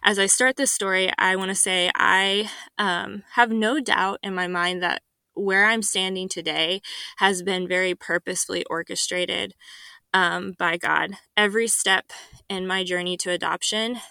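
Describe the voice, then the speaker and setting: Young woman guest, earnest, lots of ums, bright voice, grew up in guatemala and mexico. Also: mid-range voice, steady tone, unhurried, creaky, smooth, no room sound. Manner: earnest, soft-spoken, with frequent ums and light laughs. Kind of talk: personal testimony in a podcast interview.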